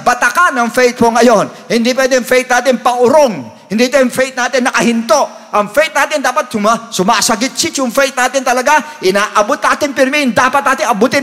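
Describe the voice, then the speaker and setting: A man preaching a sermon as pastor, reading scripture and rising to shouts to stir the congregation. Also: very high voice, long reverb tail.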